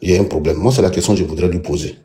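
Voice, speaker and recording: Low mellow guy asking his question on the panel. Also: racing. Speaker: panelist on a live stream. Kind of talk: live panel debate.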